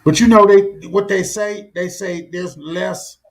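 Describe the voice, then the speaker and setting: In a small indoor room, a middle-aged American talk show host leads a casual chat, using slang and often repeating his words. His voice sits high, with a steady tone and an unhurried pace.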